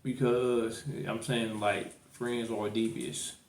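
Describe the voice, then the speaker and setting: Slow and level, a man's lowish voice comes through with a bit of hiss or hum in an echoey room. He hosts a podcast and speaks with a St. Louis, Missouri accent, pushing his argument in a casual debate and repeating himself.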